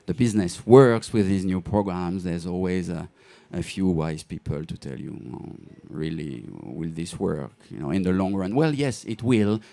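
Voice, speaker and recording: A man giving a hesitant award ceremony speech, pausing often with fillers before announcing a winner. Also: sits low, lively intonation, gravelly, warm tone. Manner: hesitant, halting with many fillers. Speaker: award presenter.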